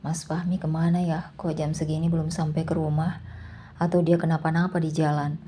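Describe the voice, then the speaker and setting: A woman voicing a timid, worried young wife who speaks politely, in a storybook reading with a husky voice. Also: low-pitched, level tone, brisk, mellow, slight background noise, lightly acted. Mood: anxious.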